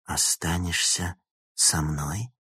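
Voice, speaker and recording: A man's voice: deep voice, slow pace, pushed and bright, breathy edge, dry recording, clean studio sound, exaggerated voice. A male narrator voicing a bitter, vengeful young woman villain with a sneering, spiteful manner.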